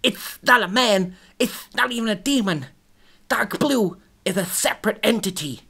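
A man's voice: very high voice, unhurried, pushed and bright, voice pushed up, exaggerated voice. A woman voicing a male shark demon thug who drawls and taunts in a put-on accent. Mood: nervous bragging.

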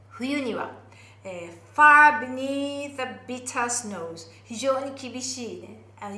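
A woman with a Japanese accent teaching English pronunciation for singing, slowly modeling lyric phrases between quick explanations. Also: mid-range voice, a bit bright, roomy sound. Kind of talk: singing lesson with demonstrations.

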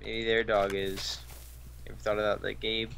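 A man chatting over a game, goofy and excitable, repeating silly catchphrases. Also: fairly low pitch, normal speed, creaky, a little hiss or hum. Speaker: gamer co-host. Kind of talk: casual gaming banter.

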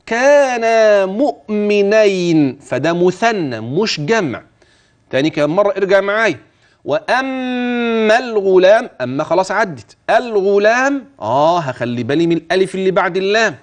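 High, lively Egyptian man teaching recitation. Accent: Egyptian Arabic. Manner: slow, drawn-out melodic recitation alternating with quick, chatty colloquial explanation; coaches an imagined student, asking and answering his own questions. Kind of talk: tajweed lesson for a religious TV channel.

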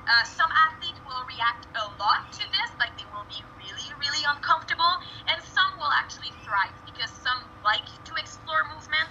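A woman's voice: high voice, expressive, brisk, hardly any pauses, pushed and bright. A woman with a French accent, a native French speaker, giving a presentation earnestly, with frequent fillers and restarts. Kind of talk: prepared presentation talk. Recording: dull lo-fi recording with faint noise.

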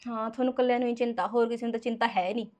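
A woman's voice: a little high, fairly even intonation, very fast, darkish tone, lo-fi sound, close to an everyday voice. An actress playing a jealous, nagging young wife who scolds her husband, in a short drama. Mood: scolding. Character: sharp-tongued young wife, jealous of family.

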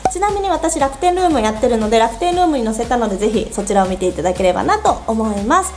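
Chatty, high-voiced young woman. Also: big pitch swings, fast talker, darkish tone, soft background music. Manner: chatty, upbeat, playful. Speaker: beauty vlogger. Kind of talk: casual product review.

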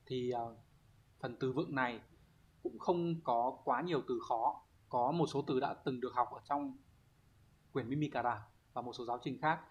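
A man's voice: medium pitch, normal speed, highs cut off. Guy teaching a japanese vocab lesson online, reads the sentences out then explains, keeps asking "right?". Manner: explanatory, often asks students rhetorical check questions. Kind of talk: online exam walkthrough lesson.

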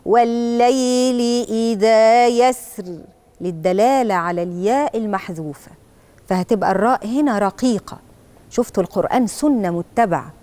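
A woman with an Egyptian accent who preaches and teaches Quran recitation to children. She explains each rule step by step and recites verses slowly to model them. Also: medium pitch, mellow. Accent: Egyptian Arabic.

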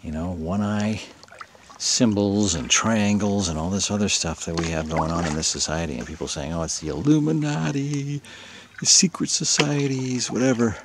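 Man vlogging from a kayak, deep and gravelly, eager, hushed at times, loud splashing water behind. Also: moderate pace. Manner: excited, often drops to a whisper. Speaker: vlogger hunting for a lake monster. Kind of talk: casual first-person narration while paddling. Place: outdoors on a lake by rocky shore, in a kayak. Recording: outdoor camera audio with water and paddle noise. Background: water and paddling sounds.

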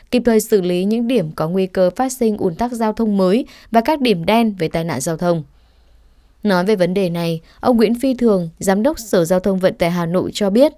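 A woman reading a news report voice-over in a steady, formal way. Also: mid-range voice, no room sound, clean studio sound.

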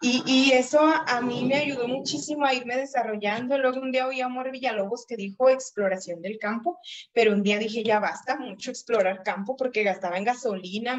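A network marketing trainer in her late thirties delivers a chatty, motivational training talk over a video call, frequently posing and answering her own questions. Her voice is fairly high-pitched at normal speed, and the audio sounds dull.

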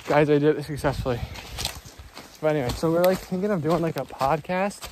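A man talks chattily into his phone while hiking a mountain trail, his voice sitting a little high and carrying the phone-video sound. He keeps his viewers in the loop in loose slang, and a faint outdoor hiss runs behind him. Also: brisk. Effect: phone-recorded video sound. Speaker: vlogger. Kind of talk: casual hiking vlog. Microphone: phone held while walking.

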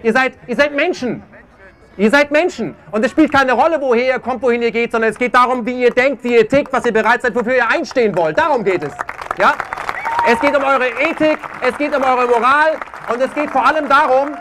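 A man's voice: extremely high pitch, brisk, fairly bright tone. A man giving an impassioned protest speech at an outdoor demonstration, emphatic and often tagging on "ja?". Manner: emphatic, keeps tagging questions with "ja?". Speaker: speaker at a peace rally. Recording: faint crowd noise outdoors.

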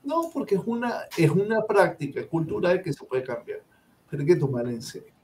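A man's voice: high-pitched, big pitch swings, moderate pace, a little mellow, a little hiss or hum. A Venezuelan man, a guest professor, speaks emphatically and lectures his opinions in a live-stream discussion.

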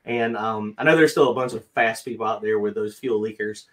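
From an indoor craft studio at home, a middle-aged livestream host with a North Carolina Southern accent rambles along, self-deprecating and casual, constantly using fillers and restarting sentences. His voice is fairly low and a little fast.

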